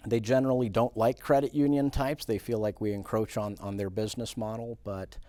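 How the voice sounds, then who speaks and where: A man from Puerto Rico, a credit union president, answering questions in a studio interview in a measured way with many fillers. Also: fairly low pitch, steady tone, warm tone, no echo.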